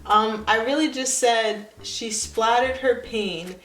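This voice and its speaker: Her voice fairly high and a bit bright, a young woman of nineteen reads slowly from an old story of hers, the rough recording full of reverberation. Between read passages she pauses to mock herself sarcastically.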